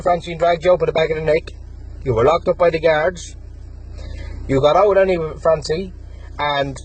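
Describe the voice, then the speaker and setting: A young Irish man in his twenties with a notably high, rough and husky voice launches into an angry callout rant. He taunts and threatens his rival, hammering the same name over and over. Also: a little mellow, rough recording. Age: 20s. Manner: aggressive, taunting, threatening, repeats the target's name again and again.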